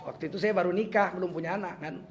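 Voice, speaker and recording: Here an older Medan man, a preacher from North Sumatra, Indonesia, delivers a comic religious talk in a Medan Indonesian accent. He speaks quickly in a high voice, animated and joking as he performs the voices of those he quotes.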